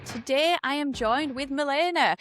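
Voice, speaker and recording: A woman's voice: high-pitched, moderate pace, a bit bright, dry recording, studio quality, soft background music. A woman with a Yorkshire accent hosting an interview in a chatty, self-deprecating way. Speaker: podcast host.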